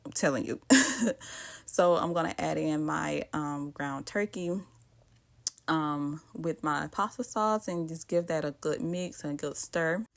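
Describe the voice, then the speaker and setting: A woman's voice: sits low, measured pace, gravelly. A woman with a Southern US accent chatting casually to her viewers while she cooks, with lots of asides. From Southern United States. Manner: chatty, talks straight to viewers with frequent asides. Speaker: cooking vlogger. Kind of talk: casual chat while cooking.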